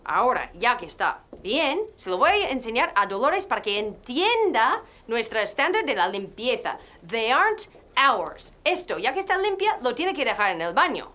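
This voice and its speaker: A woman's voice: a little high, very animated, moderate pace, pushed and bright. A woman presenting an English lesson in a short acted sketch, exasperated and repeating phrases for the learner to drill. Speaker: English teacher.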